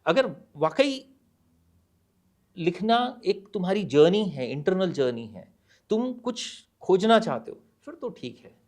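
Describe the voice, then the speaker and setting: A middle-aged man, a guest author on a podcast, speaking in a measured, deliberate way and mixing Hindi and English, with hesitant pauses. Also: high voice, big pitch swings, a little mellow. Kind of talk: podcast interview, reading a poem aloud.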